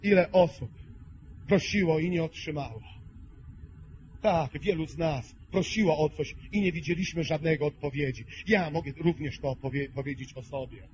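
Male preacher, high voice, impassioned sermon, muffled lo-fi sound. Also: normal speed, a little hiss or hum. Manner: impassioned, swings between hushed and loud. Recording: muffled lo-fi recording.

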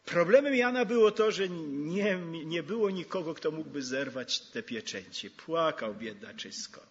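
A man preaching a sermon, rising to exclamations and dropping to soft asides. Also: fairly high pitch, animated, unhurried, husky, highs cut off.

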